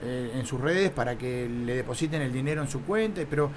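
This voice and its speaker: A man's voice: mid-range voice, lively intonation, brisk, slight background noise. A man in his fifties with a Rioplatense accent, an optician and shop owner chatting in an interview, often hesitant and trailing off mid-sentence. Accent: Rioplatense Spanish. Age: 50s. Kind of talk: casual interview chat.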